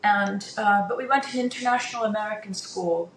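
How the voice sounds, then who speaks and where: A woman in her fifties, a native Dutch speaker, is a guest chatting casually but haltingly, with plenty of fillers and restarts. She speaks fairly quickly in a medium-pitched, fairly bright voice, and the room is echoey with faint background noise.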